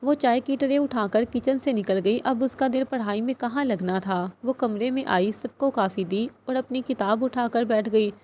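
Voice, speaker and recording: A woman reads a novel aloud in a steady, storytelling manner. Her voice sits fairly high for a woman. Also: few pauses, a little hiss or hum. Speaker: audiobook narrator. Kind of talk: scripted novel narration.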